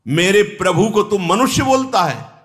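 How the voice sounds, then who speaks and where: A man's voice: on the high side, expressive, unhurried, a bit bright. A male preacher voicing a bold, loyal monkey warrior envoy who rebukes fervently. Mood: stern rebuke.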